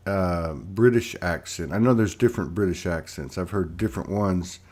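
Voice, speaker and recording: A man's voice: low-pitched, moderate pace, a little mellow. A man hosting an interview, asking rambling questions in a chatty, joking way. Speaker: host.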